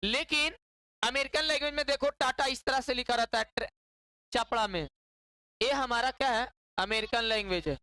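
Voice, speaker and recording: A woman's voice: on the high side, normal speed, pushed and bright, no echo, low-quality recording. A woman teaching a class, repeating key words and quizzing her students with constant questions. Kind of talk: classroom lecture.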